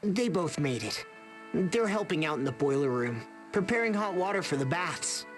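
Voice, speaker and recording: A man's voice: on the high side, expressive, moderate pace, faint music behind, natural voice. Man voicing an earnest young game hero. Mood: reassuring. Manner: reassuring, straightforward. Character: earnest, reassuring young male companion. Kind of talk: video game voice acting.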